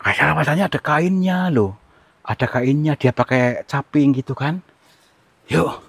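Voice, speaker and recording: A man, from Central Java, hosting a ghost-hunting vlog outdoors in a forest, giving hushed commentary and coaxing with repeated soothing words. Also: fairly high pitch, unhurried, vocal fry, slightly rough, no echo. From Central Java, Indonesia. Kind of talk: hushed on-location exploration commentary.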